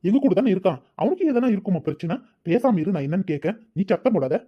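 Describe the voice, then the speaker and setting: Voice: medium pitch, very animated, quick pace, breathy edge. A voice actor playing a protective, caring elder brother in a cartoon, coaxing and soothing. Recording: dull lo-fi recording.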